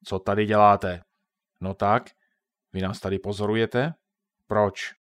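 Storybook villain-ish chief, read by a man: big, gruff, loud, scolding. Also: steady tone, dry recording, clean studio sound, lightly acted. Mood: gruff, stern. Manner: booming, stern and threatening. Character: huge bearlike man, gruff angry camp chief.

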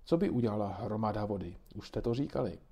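A man's voice: fairly low pitch, expressive, mellow, breathy edge. A man reading aloud and voicing a kindly grandmother who patiently explains things to children. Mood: patiently explaining.

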